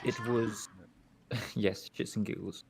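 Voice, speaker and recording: A woman running a tabletop game as game master, describing the setting in a measured, plain way. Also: a bass voice, steady tone, creaky, noisy background.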